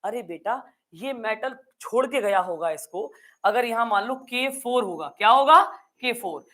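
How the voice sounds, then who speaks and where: A woman's voice: fairly high pitch, expressive, normal speed, a bit bright. A woman with a Hindi accent teaching chemistry, quizzing her students and answering her own questions. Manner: acts out confused students in playful asides. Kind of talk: classroom lecture.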